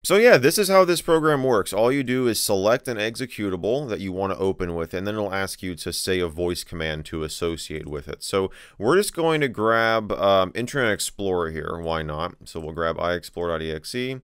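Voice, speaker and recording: A man hosting a tech video, narrating a software demo in a casual, conversational, wryly amused way. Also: low-pitched, lively intonation, brisk, few pauses, smooth, dry recording. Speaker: host of a tech video channel.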